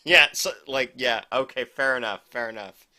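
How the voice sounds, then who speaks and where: A man talks casually as a podcast co-host, his voice very bright and forceful. He rambles and corrects himself mid-sentence with a wry, joking edge. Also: mid-range voice, normal speed. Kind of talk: casual chat.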